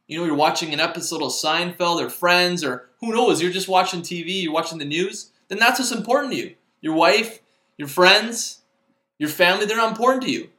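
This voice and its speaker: A middle-aged man hosts his own motivational show, talking in a loose, rambling way with lots of fillers and restarts. His voice sits high and sounds bright and clear. The recording has a noticeable echo, as if made in a bare room. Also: fairly quick. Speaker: podcast host. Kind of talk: casual motivational monologue. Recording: echoey room.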